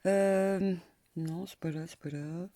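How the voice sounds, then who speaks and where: A gravelly-voiced grandmother talks slowly through a crafting tutorial, full of hesitations and little asides. Her chatty manner rambles as she works at her table. Faint hiss and clicks sit behind her voice. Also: lowish voice, steady tone, dark tone. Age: older. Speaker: crafting vlogger. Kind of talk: casual crafting tutorial chat. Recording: faint background noise and clicks.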